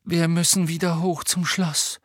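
A man voicing an earnest teenage witch girl who sounds flat and despondent. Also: a little high, a little slow, no room sound, clean studio sound, voice pushed up.

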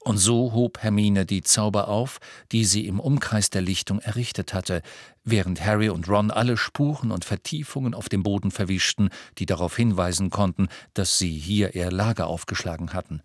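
A man narrating an audiobook with steady, measured storytelling. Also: fairly low pitch, no echo, clean studio sound. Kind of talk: scripted narration.

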